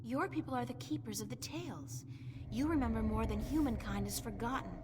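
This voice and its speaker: A woman's voice: fairly high pitch, fairly quick, lightly acted. A woman playing an earnest young human heroine in a scripted video game, asking questions. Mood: earnest, curious. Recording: clear background noise.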